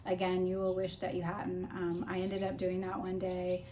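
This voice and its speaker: A woman's voice: fairly low pitch, monotone, normal speed, dark tone. A woman vlogger chatting casually and informally as she explains practical tips. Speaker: vlogger giving a personal recovery update. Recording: clear background noise.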